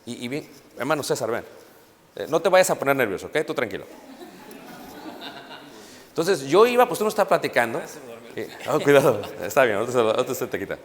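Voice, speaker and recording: A man's voice: medium pitch, big pitch swings, fairly quick, long pauses. A middle-aged man preaching a sermon, emphatic and repeatedly calling out to the congregation. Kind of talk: Spanish-language sermon. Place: church hall. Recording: long hall reverb.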